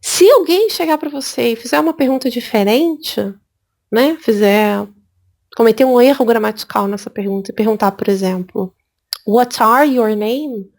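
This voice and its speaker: A woman from Brazil teaching an English exam prep lesson, lively and repeating words for emphasis. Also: on the high side, normal speed, creaky. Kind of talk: spoken lesson.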